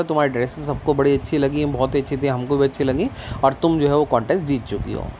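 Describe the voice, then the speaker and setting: A man teaching an English story, reading English lines slowly and then explaining them in Hindi, with a faint hiss behind him. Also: on the high side.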